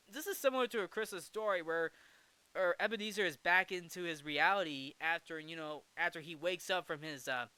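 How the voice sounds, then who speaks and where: A man's voice: high voice, pushed and bright, smooth. A man giving a casual, enthusiastic recap of a film, laughing easily between restarts. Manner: enthusiastic, giggly, with frequent restarts. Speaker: film review vlogger.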